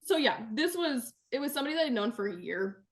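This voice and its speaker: A young adult woman, a podcast guest, telling stories in casual chat, animated and laughing often as she acts out quotes. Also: high voice, quick pace.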